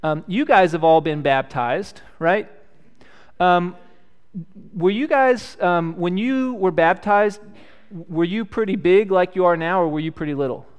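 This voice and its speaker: A man in his thirties, a pastor leading prayer and a children's message, speaking gently and asking the children simple questions. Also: sits high, measured pace, smooth, muffled recording. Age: 30s. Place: church.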